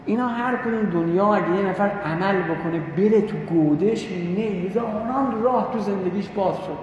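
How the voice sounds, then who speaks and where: A man preaching a sermon, telling a religious story in an animated way and voicing the people in it. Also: high-pitched, muffled recording. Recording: echoey hall with long reverb, faint noise.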